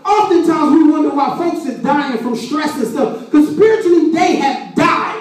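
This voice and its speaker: A woman's voice: sits high, lively intonation, moderate pace. Woman preacher in an echoey hall. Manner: rising into shouted, sing-song preaching. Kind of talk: sermon. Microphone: phone camera from across the room. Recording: echoey church hall from far off.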